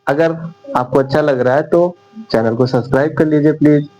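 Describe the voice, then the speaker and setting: A man teaching an English lesson in Hindi, slowly repeating each rule and spelling words letter by letter. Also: a little high, a little mellow, lo-fi sound. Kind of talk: slow spoken Hindi lesson.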